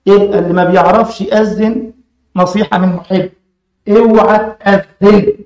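A man with an Egyptian Arabic accent and a very high voice teaches the call to prayer, scolding and correcting as he goes. He breaks into slow chanted examples between stretches of speech. The recording carries a strong room echo. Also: fairly even intonation, darkish tone. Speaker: religious teacher. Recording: echoey room.

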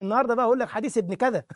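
Egyptian male preacher, quick and sardonic, mimics his targets, dry close-miked voice. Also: very high voice, no echo. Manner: sarcastic, mocking, mimics people he criticizes. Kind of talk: colloquial sermon talk.

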